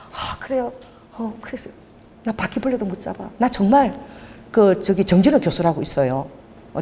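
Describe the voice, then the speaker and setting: A middle-aged woman pastor preaching a sermon, telling stories with laughter and acting out dialogue. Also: medium pitch. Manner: animated, laughing, acts out dialogue. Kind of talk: sermon with storytelling. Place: church sanctuary. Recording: long hall reverb.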